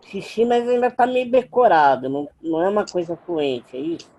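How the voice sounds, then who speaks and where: A man leads a class conversation and asks guiding questions. He checks his understanding as he goes. His voice is fairly high but mellow and warm. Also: big pitch swings, moderate pace. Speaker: teacher hosting the class.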